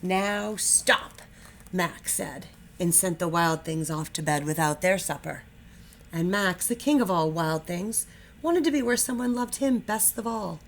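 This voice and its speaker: With a fairly low pitch and a measured pace, a middle-aged woman addresses young pupils as their teacher, warm, informal and slightly nervous. The clip blends casual talk with an expressive children's read-aloud, and there's slight background noise.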